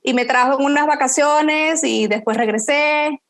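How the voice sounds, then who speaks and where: A Venezuelan woman, a panel guest, telling her story in a relaxed way over a video call. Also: sits high, moderate pace. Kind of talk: casual chat on a video call.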